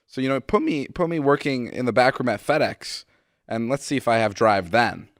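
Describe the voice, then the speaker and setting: A man's voice: mid-range voice, animated, moderate pace, no room sound, studio quality. A man in his twenties co-hosting a podcast, rambling through stories in casual chat, full of "like" and swearing. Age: 20s. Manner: rambling storyteller, lots of "like" and swearing. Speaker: podcast co-host.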